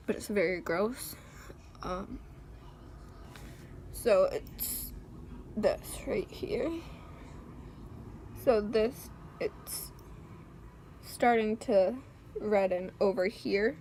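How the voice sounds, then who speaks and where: A woman vlogging at home and speaking slowly and haltingly to her camera. She pauses often and fills the gaps with ums. Her pitch sits at a middle height for a woman, and a faint hum of room noise runs underneath. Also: mellow. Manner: hesitant, many pauses and ums. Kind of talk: casual talk to camera.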